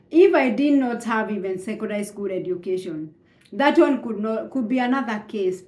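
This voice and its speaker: A Kenyan woman whose first language is Swahili tells her own immigrant story in a fairly high voice, slowly and reflectively. She's hesitant, with many fillers and restarts, and the room is echoey.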